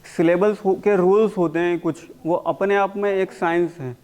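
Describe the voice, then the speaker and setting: A man teaching a spoken English class, mixing Hindi and English and slowly repeating words for his students to copy. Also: high-pitched, fairly even intonation, darkish tone. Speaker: English communication coach.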